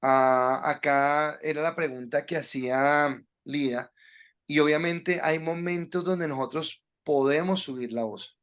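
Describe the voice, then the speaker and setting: A man with a clear, resonant, slightly bright voice on the high side speaks at a measured pace with fairly even intonation. He teaches a class on preaching at a Bible school, lecturing on sermon delivery and giving students direct instructions amid frequent hesitations.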